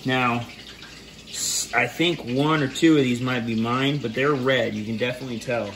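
A man co-hosting a casual pepper-eating vlog, explaining in a halting, rambling way. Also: mid-range voice, fairly even intonation, fairly bright tone. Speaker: co-host of a pepper eating channel. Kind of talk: casual chat. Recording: echoey room, faint noise.

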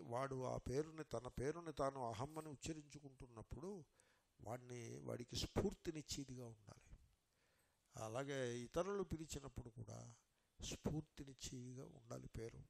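A man with a gravelly voice at a middle pitch, teaching scripture. He explains each point in turn and poses questions to his listeners. He slows down to recite Sanskrit verses. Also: a little mellow. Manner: explains step by step with rhetorical questions. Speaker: Vedanta teacher. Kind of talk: scripture lecture.

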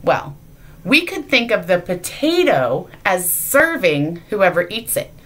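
Lively, bright-voiced woman teaching children. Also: medium pitch. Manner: playful, teasing, asks the audience questions. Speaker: children's sermon leader. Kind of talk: children's object lesson. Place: church sanctuary.

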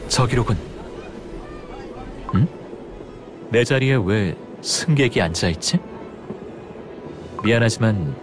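An actor playing a calm, aloof young male space traveler with a cool, deadpan delivery in a game story. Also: sits low. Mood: deadpan, weary. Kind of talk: scripted game story dialogue. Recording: music behind the voice.

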